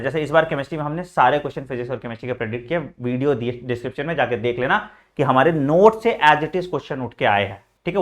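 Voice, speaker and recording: A man coaching exam students in a casual lesson, talking directly and checking in often, mixing in English phrases. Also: a little high. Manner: frequent "theek hai" check-ins, addresses students as beta.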